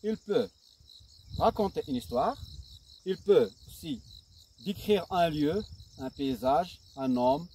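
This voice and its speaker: Enseignant marocain, ton très animé. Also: male voice, a little high, expressive, a little mellow. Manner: slow, deliberate, dictating and repeating, with fillers. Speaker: primary school teacher. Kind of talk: grammar lesson. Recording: distant mic with faint insect noise.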